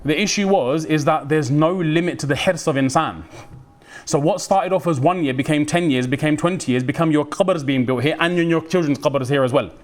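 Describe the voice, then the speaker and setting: British male preacher, lively and slangy, slightly high voice, acts out quoted voices. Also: brisk. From United Kingdom. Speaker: Islamic preacher. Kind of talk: religious talk.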